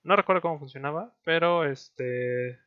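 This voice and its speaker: A man's voice: a little high, normal speed, clean tone. Mexican guy hosting a stream, casual and jokey, sounds a bit dull over the call. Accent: Mexican Spanish. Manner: loose, joking, many fillers. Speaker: stream host. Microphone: online call.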